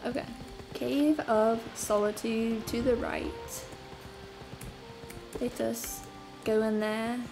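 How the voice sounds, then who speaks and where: A woman's voice: on the high side, steady tone, takes it slowly, pauses often, poor audio. A young woman in her apartment, chatting casually and rambling to herself while playing a game, with frequent sighs and fillers. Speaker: gameplay video host. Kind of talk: casual gameplay commentary. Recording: game music clearly behind voice.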